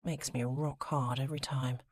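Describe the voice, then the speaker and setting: A woman's voice: extremely low pitch, fairly even intonation, normal speed, slightly rough, no echo, studio quality. Woman voicing a teasing rakish young lord. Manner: teasing, turning hushed and intimate.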